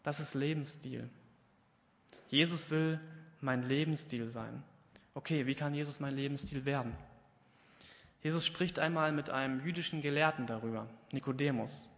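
A man's voice: mid-range voice, normal speed, long pauses, a bit bright, big-room sound. A man preaching a Pentecost sermon in a church, talking conversationally, asking questions and answering them himself, and raising his voice to act out the biblical dialogue. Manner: acts out the biblical dialogue with raised, emphatic voice.

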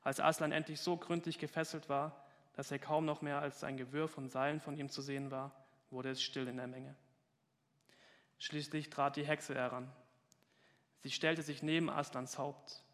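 A man's voice: mid-range voice, a bit bright. Man reading a story in an echoing hall. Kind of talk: expressive story reading in a talk.

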